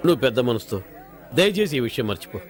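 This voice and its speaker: A man's voice: mid-range voice, very animated, fast talker, over a noisy crowd, heavy background noise, lightly acted. An actor playing an anxious older father who pleads and scolds his daughter. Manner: pleading, scolding, shouts in bursts.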